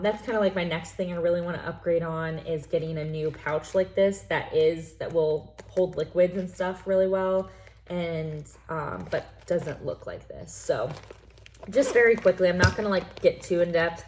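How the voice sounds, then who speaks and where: This lifestyle vlogger, a young woman from the US, talks through the contents of her bag in a rambling, filler-heavy way, her voice stuffy from allergies. Her tone is fairly low and darkish, her pace moderate, and there's a little hiss or hum.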